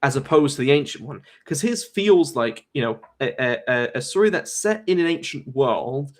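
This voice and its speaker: A man's voice: mid-range voice, animated, normal speed. Rambling young man hosting a live chat. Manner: rambling, frequent fillers and restarts. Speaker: host. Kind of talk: casual live-stream discussion.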